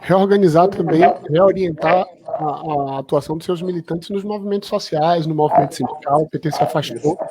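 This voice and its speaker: A man's voice: a little high, a little fast, a crowd in the background, rough recording. A man hosting a political discussion, casually prompting his guest with questions. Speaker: host.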